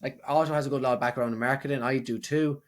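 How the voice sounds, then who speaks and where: A man's voice: medium pitch, steady tone, quick pace. A man with an Irish accent co-hosting a podcast in casual chat, rambling and often restarting his sentences. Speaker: podcast co-host.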